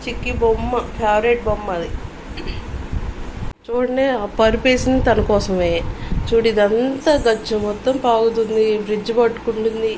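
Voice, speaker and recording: A woman's voice: fairly high pitch, steady tone, moderate pace, background noise. A woman vlogging at home, coaxing a baby in a sing-song way and narrating to her viewers. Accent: Telugu. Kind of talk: casual home vlog narration.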